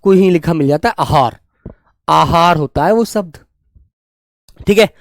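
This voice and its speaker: A man's voice: fairly high pitch, vocal fry, no room sound, studio quality. A young man teaching Hindi spelling in a live online class, calling students "beta" and drawing out each word as he drills it. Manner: affectionate, calls students "beta" and "my children"; repeats and drills words slowly.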